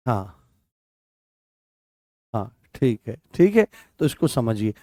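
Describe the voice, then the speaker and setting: A man's voice: medium pitch, big pitch swings, extremely slow, darkish tone, dry recording, clean studio sound. A man teaching a Hindi grammar class, repeating phrases, correcting himself and asking questions he then answers. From Rajasthan. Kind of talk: online exam-prep class.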